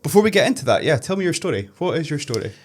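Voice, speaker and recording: A man's voice: a little high, big pitch swings, racing. A man hosting an interview podcast, chatty and casual, filling his questions with "like". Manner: chatty, uses "like" a lot. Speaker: podcast host.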